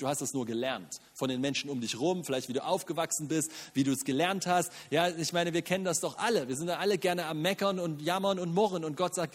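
A man preaching a sermon in German, animated, with rhetorical questions, self-mocking asides and frequent "Amen". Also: fairly high pitch, breathy edge, long reverb tail. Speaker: pastor.

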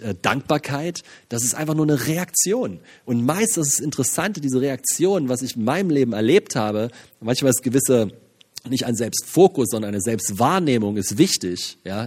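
Husky man preaching with energy. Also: medium pitch. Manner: energetic, many interjections and repeated phrases. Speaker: pastor. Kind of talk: sermon.

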